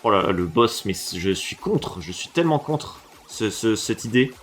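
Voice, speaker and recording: French gamer guy reacting to levels, lowish voice, mutters then gets loud, swears a lot, faint music behind. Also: normal speed. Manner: animated, swears and shifts from low mutters to excited outbursts. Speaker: reaction streamer. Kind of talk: casual reaction commentary.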